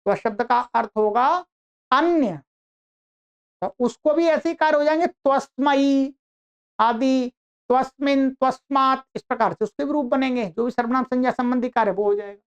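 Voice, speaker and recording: A woman teaching an online grammar lesson, explaining slowly and repeating her own questions to the class. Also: sits high, clean tone, muffled recording.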